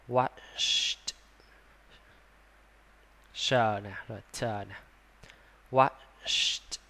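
A man with a Vietnamese accent teaching English pronunciation, sounding out words slowly, repeating them and adding chatty asides. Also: mid-range voice. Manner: breaks into soft laughs and chatty asides. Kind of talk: slow, drawn-out pronunciation lesson.

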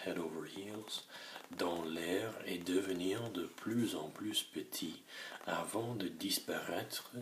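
A man's voice: low voice, a bit bright. A man reading a story aloud as a lesson, giving a phrase and then translating it and explaining words. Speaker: teacher reading a French story. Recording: echoey room with noise.

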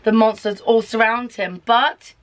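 A woman's voice: on the high side, steady tone, measured pace. A mother reading a picture book aloud to her toddler in a coaxing, sing-song way, stopping to ask him questions. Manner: coaxing, sing-song, stops to quiz the child. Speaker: parent reading to her child.

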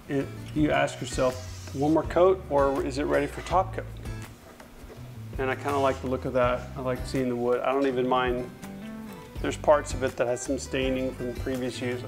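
A creaky, medium-pitched male voice belongs to a furniture refinisher who rambles casually while brushing and wiping stain, often correcting himself mid-sentence as he explains the process. He works at a paint-spattered table in an indoor workshop. A lapel mic picks him up, and music plays beneath.

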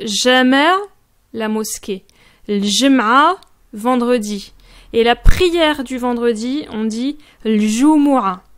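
A woman with a high voice gives a friendly, informal pronunciation lesson and speaks straight to the viewer. She takes her time and repeats each word slowly and carefully so the difference comes through. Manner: slow, careful drilling of words with repeated examples. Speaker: Moroccan Arabic teacher and blog host.

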